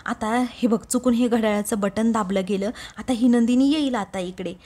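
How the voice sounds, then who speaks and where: A woman's voice: on the high side, moderate pace, dark tone, lightly acted. A woman voicing a stern young man who denies a secret affair, in a retold TV serial scene. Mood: curt, scolding. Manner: dismissive, commanding quoted lines.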